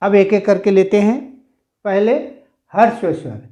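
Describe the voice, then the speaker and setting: In a classroom grammar lesson, a male teacher explains slowly and repetitively, stretching out sounds aloud as he demonstrates them. His voice sits high, with a steady, warm tone.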